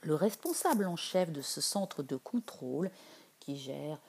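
Breathy, slow-speaking meditation guide woman. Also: low-pitched, animated. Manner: soft, slow and soothing, drifting into whispers.

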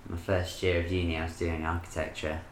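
A man's voice: low voice, flat delivery, a little fast, reverberant, a little hiss or hum. A young man telling a story in casual podcast chat, in a dry, laid-back way. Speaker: podcast co-host.

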